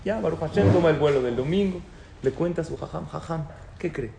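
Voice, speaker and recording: A man's voice: a little high, fast talker, creaky, background noise. A man giving a religious talk to an audience, telling stories and asking them questions. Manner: storytelling, asks the audience questions. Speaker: rabbi lecturer. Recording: echoey room with faint ambience.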